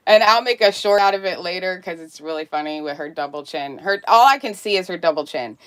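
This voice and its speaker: A woman streamer talking casually, ranting in a heated, sarcastic and profane way. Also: lowish voice.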